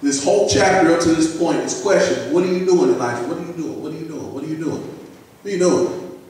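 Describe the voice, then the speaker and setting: A man's voice: a little high, a little fast, a little mellow. A man preaching a sermon, repeating phrases for emphasis. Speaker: pastor. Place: large church sanctuary. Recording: echoey sanctuary, mic from far off.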